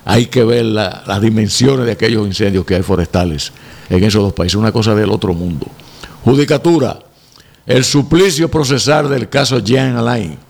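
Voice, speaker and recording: A man's voice: lowish voice, moderate pace, creaky, darkish tone. A man with a Dominican accent co-hosting a talk show, reading headlines and arguing emphatically. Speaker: news talk co-host. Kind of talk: reading headlines and casual debate.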